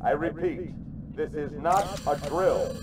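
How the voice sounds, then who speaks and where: A man voicing a male station announcer whose clipped, loud alarm calls come over a distant loudspeaker in a video game. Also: on the high side, slow, very noisy. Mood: urgent alarm. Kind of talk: video game cutscene and combat audio.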